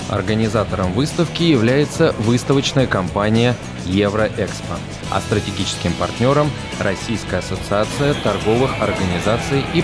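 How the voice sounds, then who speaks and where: A man narrating a scripted event report in a formal, even announcer manner. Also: on the low side. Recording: voice-over under loud music.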